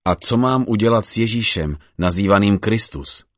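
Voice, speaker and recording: A man's voice: on the low side, animated, no echo, clean studio sound, pitched above the performer's own voice, close to an everyday voice. A man reading a stern Roman governor. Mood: questioning. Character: stern Roman male governor questioning a prisoner.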